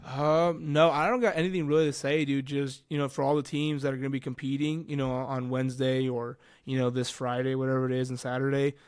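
A man's voice: mid-range voice, little pitch movement, fairly quick, hardly any pauses, clear, resonant tone, dry recording, clean studio sound. Joking man co-hosting a sports podcast. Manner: joking, slangy banter. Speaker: podcast co-host; elementary school teacher. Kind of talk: casual sports podcast chat.

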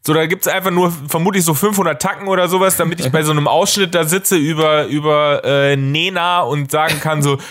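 A man's voice: on the high side, steady tone, a little fast, hardly any pauses, a bit bright. A young man co-hosting a casual podcast chat, rambling with stammered restarts and slang. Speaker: podcast co-host.

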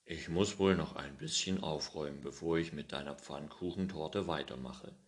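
A man's voice: a bass voice, normal speed. Pettersson, a grumbling old farmer, as a man reads him. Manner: grumbling and scolding.

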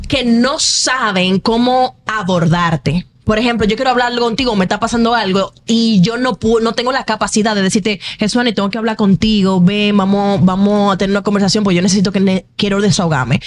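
Fast-talking woman telling a story. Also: mid-range voice, a little hiss or hum. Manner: animated storytelling, acts out quoted voices. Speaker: podcast co-host. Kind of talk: casual chat.

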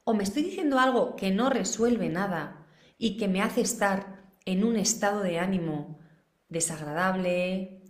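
Educadora de crianza española, tono de preguntas retóricas al público, sonido con mucha reverberación. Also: female voice, mid-range voice. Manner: asks the audience many rhetorical questions. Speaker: parenting educator. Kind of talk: live online masterclass. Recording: roomy echo.

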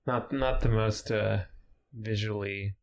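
A man's voice: fairly low pitch, fairly even intonation, slow pace, creaky. A man hosting a casual podcast chat, laid-back and swearing casually, laughing often. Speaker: podcast host.

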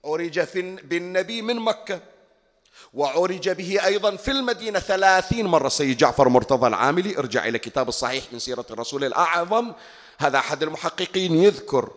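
A man's voice: on the high side, expressive, quick pace, a bit bright. A Bahraini man delivers a colloquial sermon at a mourning gathering, his raised voice swinging widely up and down. He keeps putting questions to his listeners. The recording carries the long reverb of the hall. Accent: Bahraini Arabic. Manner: asks the audience rhetorical questions.

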